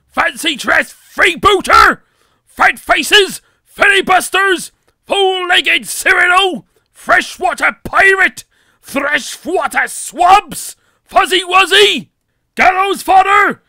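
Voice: very high voice, vocal fry, sharp tone, dry recording, clean studio sound, exaggerated voice. A performer voicing an irascible bearded old sea captain, bellowing a theatrical tirade of insults. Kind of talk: impression reeling off a list of shouted insults. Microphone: condenser mic with pop filter.

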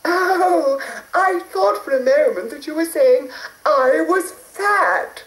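A woman's voice: high voice, lively intonation, slow, voice pushed up. Trilling, gushing fairy girl. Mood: excited. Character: sweet, naive, plump young female fairy. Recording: echoey room.

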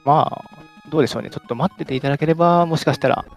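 Male speedrunner at home, modest and polite, talks very fast with a gravelly edge, faint game music behind. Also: on the high side. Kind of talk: casual chat while playing.

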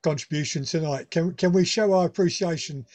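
A man's voice: fairly high pitch, a little fast, darkish tone. A man with a Northern English accent hosting a radio club meeting, talking casually with many restarts and fillers. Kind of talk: casual club talk over video call.

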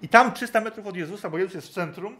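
A man with a somewhat high voice leads a Bible study class. He talks it through in a loose, conversational way, thinks aloud, and keeps tossing small check-in questions to the group. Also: fast, bright, forceful tone. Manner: thinking aloud, often tagging questions to the listeners.

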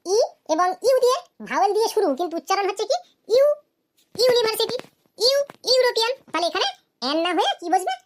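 A woman teaches grammar in a cartoon lesson, her voice very high and her pace quick. She asks the class question after question and answers them herself, then says each English example slowly. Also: expressive, a little hiss or hum.

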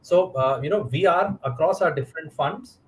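A middle-aged man with an Indian English accent, a fund manager speaking in a measured, explanatory way on a video call. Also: on the high side, rough recording. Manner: measured, explanatory, many fillers. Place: indoor room.

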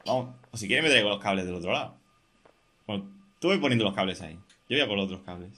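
A young man, hosting casual co-op gameplay chat, excitable and jokey, talking through every move. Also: lowish voice, fast. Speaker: gaming podcast host.

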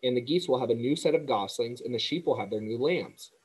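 An eager, innocent young pig asking questions with earnest wonder, played by a man reading aloud. The voice is soft and a little breathy. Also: mid-range voice, animated, brisk, rough recording.

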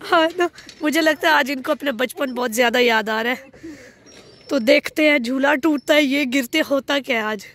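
High-pitched lady from pakistan narrating a family vlog in a park, chatty and giggly. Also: moderate pace. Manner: chatty, excitable, laughs a lot. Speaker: family vlogger. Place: outdoor park.

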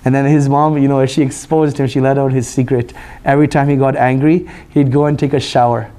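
A hoarse man with a voice still recovering, teaching a religious study circle in a relaxed, conversational way and taking questions. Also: mid-range voice, fairly quick. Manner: relaxed, conversational, frequent "you know". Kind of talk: religious lecture with Q&A.

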